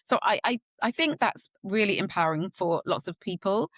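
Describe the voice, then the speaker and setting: A woman hosts a podcast interview, warm and a little rambling, with many fillers. Her medium-pitched voice is animated at a normal speed, with no room sound.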